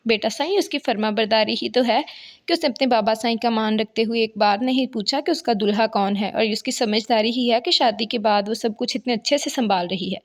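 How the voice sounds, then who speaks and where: A woman's voice: a little high, close to an everyday voice. A woman reading a strict scolding mother. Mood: fond.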